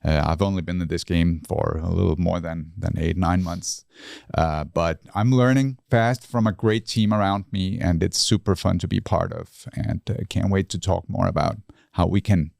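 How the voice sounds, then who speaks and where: A middle-aged man talks easily and modestly as a studio guest. His voice sits very low and has a gravelly fry. It is recorded close and dry. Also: moderate pace, few pauses, no echo. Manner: relaxed, self-deprecating, with brief agreeing replies. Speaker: guest, chief sales officer. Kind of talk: casual conversation. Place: company studio.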